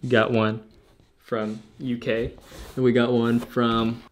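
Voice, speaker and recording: A man's voice: mid-range voice, flat delivery, takes it slowly. A young man giving a laid-back, joking tour of his rooms to viewers in a casual vlog, indoors. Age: young adult. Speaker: vlogger.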